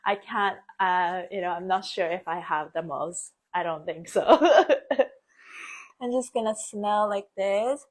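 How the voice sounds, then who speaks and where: A woman born and raised in Japan, hosting a casual live stream, chatty with frequent laughs and many fillers. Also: mid-range voice. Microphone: phone or webcam, live stream.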